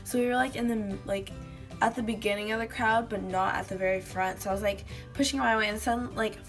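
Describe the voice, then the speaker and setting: A teenage girl vlogs casually to a webcam in her small bedroom, telling giggly stories full of fillers, her voice slightly hoarse after losing it. She talks fast in a mid-range, steady tone. Soft music plays in the background.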